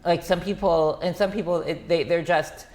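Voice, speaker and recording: A man speaking as a guest in a relaxed podcast conversation. His words come out quickly and in bursts. He restarts his phrases, drops them halfway and fills gaps with "um" and "like.". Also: on the high side. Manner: rapid, halting, many restarts and fillers. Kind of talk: casual conversation.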